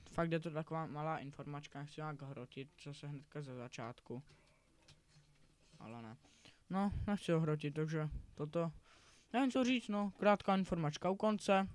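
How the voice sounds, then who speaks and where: Teen boy, fairly high voice, rambling casual game commentary. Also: no echo. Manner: rambling, self-correcting, chatty. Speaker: gaming YouTuber.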